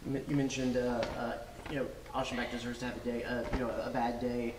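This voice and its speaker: A man, a sports reporter, asking halting questions at a press conference. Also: medium pitch, flat delivery, big-room sound, noisy background. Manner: fast, halting questions with restarts.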